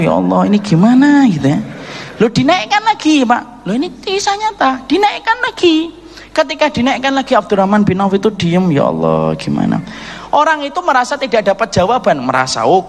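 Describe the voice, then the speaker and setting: A man's voice: extremely high pitch, gravelly, a bit bright, in a large hall. A man preaching a midday radio sermon, telling stories, acting out dialogue and calling his listeners "Pak". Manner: storytelling, addresses listeners as Pak, acts out dialogue. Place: radio studio or mosque hall.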